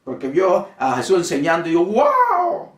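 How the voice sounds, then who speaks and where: A man preaching a sermon and addressing the congregation as brothers and sisters, swinging between emphatic, rising swells and quiet drops. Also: medium pitch, normal speed, vocal fry, reverberant, recorded from a distance. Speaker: pastor.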